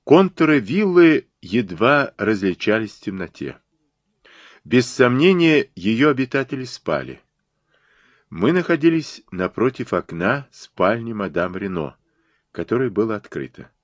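A man reads an audiobook with dramatic expression. His voice is lowish but moves lively through the sentences. The recording is close and dry. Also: measured pace, no echo. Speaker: audiobook narrator. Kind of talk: scripted narration.

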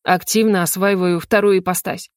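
A woman reading Marsel, a gentle reassuring lover. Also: lowish voice, steady tone, moderate pace, dry recording, clean studio sound, natural voice. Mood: tender. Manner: soft, reassuring. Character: Marsel, young man, tender protective lover.

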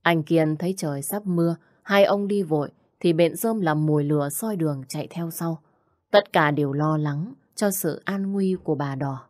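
Woman, horror story narration, suspenseful, low voice, dry sound. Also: moderate pace, darkish tone, no room sound.

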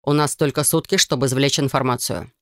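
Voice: mid-range voice, fairly even intonation, a little fast, fairly bright tone, no echo, clean studio sound, natural voice. A narrator voicing a grieving, solemn male elf in an audiobook, speaking in a strained, choked voice. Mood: grave sorrow. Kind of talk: audiobook character voice.

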